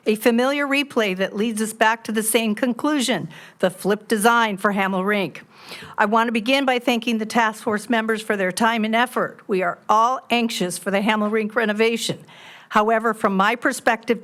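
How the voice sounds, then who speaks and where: Measured woman at the public mic. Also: on the high side, fairly bright tone. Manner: measured, pointed, formal. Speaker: public commenter. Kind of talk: prepared public comment. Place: town meeting room.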